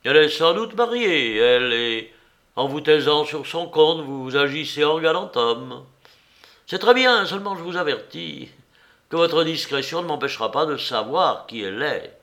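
A man voicing a severe police commissioner who questions a suspect sharply and loudly. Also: a little high, expressive, moderate pace. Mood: mocking. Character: stern, probing male police commissioner.

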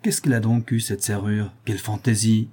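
A man's voice: lowish voice, level tone, normal speed, mellow, slightly rough. A man reading a novel aloud, voicing a flustered middle-aged villa host who exclaims with relief. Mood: relieved. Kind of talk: audiobook character voice.

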